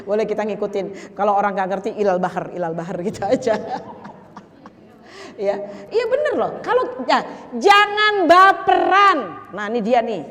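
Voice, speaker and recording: A woman's voice: medium pitch, big pitch swings, normal speed, a little mellow, big-room sound. An older woman giving a chatty, teasing sermon to a women's group, slipping in Arabic phrases and slang. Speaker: preacher.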